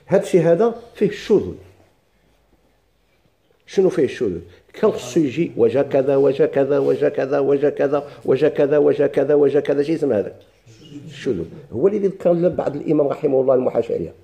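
A man's voice: mid-range voice, animated, fast, mellow. A man with a Moroccan Arabic accent teaching a grammar lesson to a class, quizzing students and repeating his questions.

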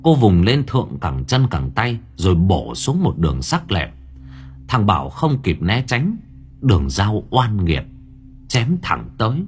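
A man narrating a horror audio story in a dramatic, expressive way. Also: lowish voice, measured pace. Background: faint background music.

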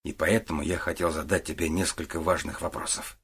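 A man voicing a calm, methodical middle-aged detective who questions patiently in an audiobook. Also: a bass voice, brisk, breathy edge, full character voice. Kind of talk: audiobook character voice.

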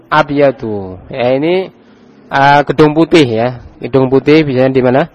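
A man with an Indonesian Javanese accent, an Islamic teacher, leads an Arabic grammar class, quizzing his students and prompting them to read aloud. His voice is medium-pitched at a normal speed, and the recording is muffled.

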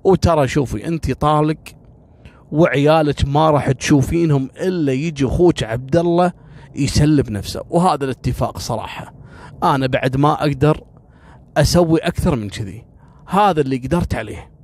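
A man's voice: fairly high pitch, fairly quick, darkish tone. A man voicing a reluctant husband who speaks frankly and with resignation. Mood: earnest. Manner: pleading, then frank and resigned. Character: cornered husband, weary and reluctant.

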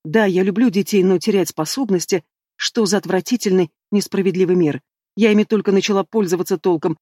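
A man's voice: high voice, fairly quick, dark tone, no echo, clean studio sound. A man reading an audiobook voicing a distraught young woman mage in tears, speaking emotionally. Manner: emotional, pleading.

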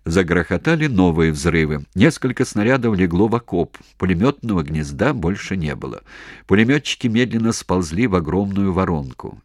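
A man narrating a war novel in a measured, even storytelling manner. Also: deep voice, no room sound, studio quality. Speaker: audiobook narrator.

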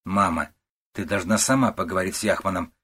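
A man reading an audiobook, voicing a calm, quiet young husband in a low, husky voice. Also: brisk.

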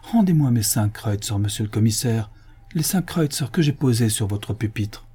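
A man voicing a poor, desperate man who whimpers and pleads in a high, wailing voice. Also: lively intonation, normal speed, dark tone, breathy edge. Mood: despairing. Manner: whimpering, high-pitched lament.

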